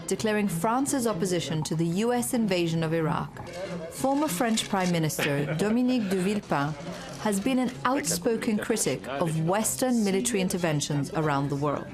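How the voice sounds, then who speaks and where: A woman's voice: mid-range voice, lively intonation, moderate pace, music in the background. A woman hosting a broadcast interview, asking composed, formal questions and narrating the introduction. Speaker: interviewer, host.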